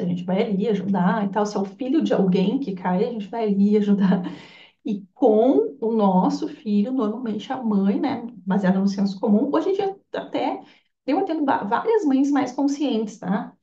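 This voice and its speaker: A woman's voice: fairly high pitch, animated, moderate pace, warm tone. Chatty woman teacher, echoey. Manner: chatty, with frequent tag questions and quoted voices. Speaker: Bach flower therapy course teacher. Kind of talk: informal course lecture. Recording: echoey room, distant lo-fi mic.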